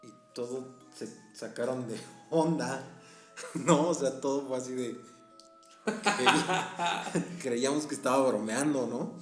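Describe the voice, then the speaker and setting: A man's voice: mid-range voice, slow, long pauses. Mexican man telling a spooky story. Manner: animated, laughs often, frequent "¿no?" tags. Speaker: podcast guest teacher. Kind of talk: casual storytelling. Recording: echoey room, faint music.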